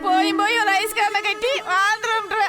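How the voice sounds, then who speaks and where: A woman's voice: extremely high pitch, little pitch movement, moderate pace, loud music behind the voice. An actress playing a heartbroken village mother, crying and lamenting. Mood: grieving. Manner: wailing, lamenting. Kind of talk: Tamil film acting.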